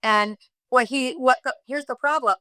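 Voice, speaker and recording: A middle-aged woman telling a personal story in a podcast conversation, emotional and halting, quoting others as she goes. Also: sits high, bright, forceful tone, no room sound. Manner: emotional, halting, with many restarts and quoted speech. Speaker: guest sharing her story.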